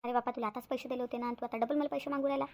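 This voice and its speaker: A woman's voice: fairly high pitch, little pitch movement, rapid-fire, darkish tone, lightly acted. A woman voicing a scheming young wife in a cartoon, sly and whiny, pleading with fake tears. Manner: wheedling, fake-tearful pleading. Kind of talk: cartoon voice acting.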